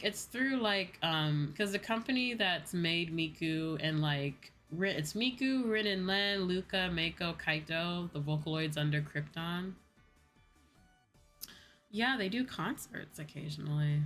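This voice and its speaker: This woman's voice sits lowish and fairly bright, moving at a measured pace. As a VTuber livestreamer, she talks casually and meanderingly with her viewers, dropping the odd swear word, while music plays behind her.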